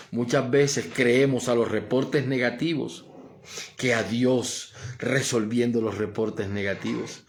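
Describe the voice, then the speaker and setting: A male pastor preaching a sermon, with a Colombian Spanish accent, building emphatic swells and posing questions he answers himself. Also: medium pitch. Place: church.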